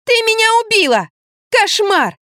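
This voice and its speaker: A woman reading an audiobook, voicing a bratty, sharp-tongued teenage girl in a shrill, indignant voice. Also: sing-song, a little slow, no room sound, studio quality, full character voice. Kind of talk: audiobook character voice.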